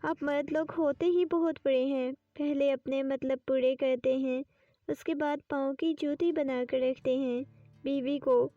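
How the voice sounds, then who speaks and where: A woman's voice: high-pitched, fairly even intonation, mellow, no echo, lightly acted. A woman voicing a frightened young bride who accuses men in tearful, pleading words. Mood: upset. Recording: distant dull lo-fi with faint music.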